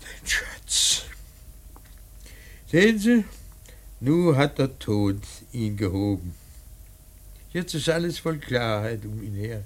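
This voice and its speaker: A man voices a grieving, bitter old painter mourning his son in a radio drama, his rough, husky, gravelly voice carrying an awed sorrow. The rambling monologue is halting, emphatic and theatrical, with big pitch swings in a mid-range voice that rises from murmurs to outcries.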